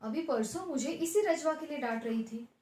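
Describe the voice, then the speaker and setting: A woman's voice: sits high, lively intonation, normal speed, a little mellow, a little hiss or hum. A woman teacher reading the part of a young educated daughter-in-law who questions in bewilderment and insists, with a roomy echo around her. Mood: puzzled.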